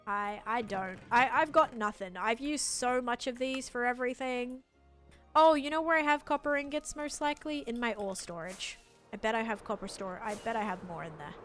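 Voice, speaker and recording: A woman livestreaming a game in casual chat, rambling and thinking aloud as she answers viewers, with expressive jumps in pitch and volume. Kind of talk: casual gameplay stream chat. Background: music.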